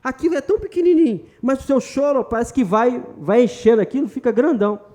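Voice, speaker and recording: A man's voice: extremely high pitch, fast, dark tone. A man. He is emphatic but chatty, mixing jokes into his sermon and calling out directly to the congregation in front of him. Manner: emphatic and conversational, joking and addressing the congregation directly. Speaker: pastor. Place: church retreat hall.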